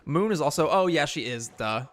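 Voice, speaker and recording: A man's voice: a little high, lively intonation, normal speed, fairly bright tone. A man hosting a casual game livestream, chatting loosely with viewers, rambling and correcting himself as he goes. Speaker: livestream host. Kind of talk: casual livestream chat while playing.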